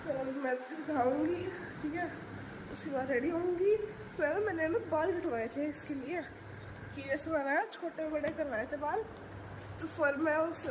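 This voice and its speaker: A hoarse young woman with a sore throat, chatting in a rambling casual vlog and filming on a handheld phone at home. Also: high voice. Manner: chatty, rambling, fills with "theek hai" and "hai na". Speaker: vlogger. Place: home, preparing a family ceremony. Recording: noisy household background.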